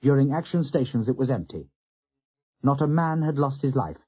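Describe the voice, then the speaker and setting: Husky male audiobook narrator. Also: mid-range voice, lively intonation, moderate pace. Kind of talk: scripted narration of a war novel. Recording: dull lo-fi audio.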